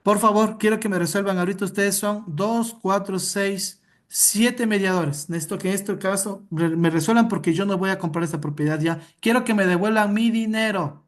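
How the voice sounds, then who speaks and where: A woman's voice: medium pitch, moderate pace, lightly acted. A woman playing an angry, demanding male home buyer in a role-play over a video call, insisting and complaining.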